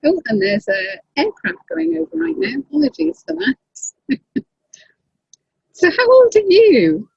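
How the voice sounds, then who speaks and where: A woman's voice: extremely high pitch, very animated, unhurried, vocal fry, pauses often, dry recording, dull audio. A woman in her fifties hosting an interview in a chatty, laughing way. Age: 50s. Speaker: host. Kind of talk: casual interview chat.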